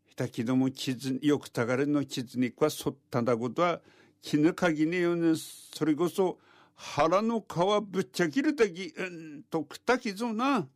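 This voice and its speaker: A man's voice: fairly high pitch, moderate pace, no echo, studio quality. A man narrating a folktale orally in a thick rural Tohoku Japanese dialect, with homespun, repeated dialect sentence endings. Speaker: folktale storyteller.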